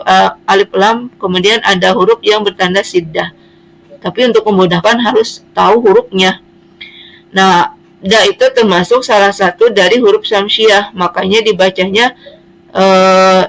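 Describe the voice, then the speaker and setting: A woman's voice: mid-range voice, creaky, poor audio. A woman teaching Quran reading, explaining patiently and spelling out letters one at a time. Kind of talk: slow classroom explanation.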